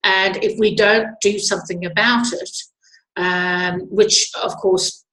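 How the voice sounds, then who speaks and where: Her medium-pitched voice is sharp in tone, and she takes her time as she casually hosts an online webinar. This middle-aged woman hails from Zimbabwe and South Africa and speaks with a South African accent. Recorded indoors on a computer mic, the room sounds echoey.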